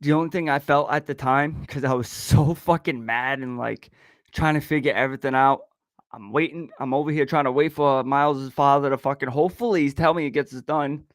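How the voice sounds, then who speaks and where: A man's voice: mid-range voice, a little fast, no echo, clean studio sound. Profane rambling man telling a story. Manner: profane, rambling, laughs often. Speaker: podcast host. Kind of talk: casual storytelling.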